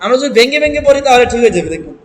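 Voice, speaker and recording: High-voiced man teaching Quran reading in an echoey hall. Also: very animated, a little hiss or hum. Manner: breaks words into syllables, quizzes students, chants verses slowly. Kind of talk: classroom Quran recitation lesson. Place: classroom with students.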